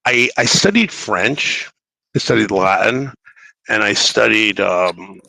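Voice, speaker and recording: A man's voice: fairly low pitch, slow pace, gravelly, bright, forceful tone, dry recording, low-quality recording. A man from Brooklyn, calling in to a talk show and speaking casually in a rambling, stammering way. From Brooklyn, New York. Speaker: call-in show caller. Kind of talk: casual political call-in talk.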